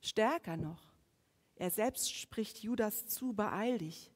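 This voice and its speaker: A woman preaching a sermon, swinging between strong emphasis and hushed, whispered passages. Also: mid-range voice, animated, slow. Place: church. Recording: long reverb of a church hall.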